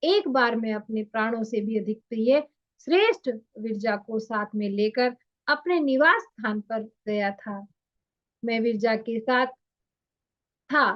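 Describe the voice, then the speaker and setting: Slow, measured woman reading scripture aloud. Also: fairly high pitch. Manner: measured, deliberate recitation. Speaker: scripture reader and commentator. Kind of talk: reading a religious text aloud with commentary. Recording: dull lo-fi recording.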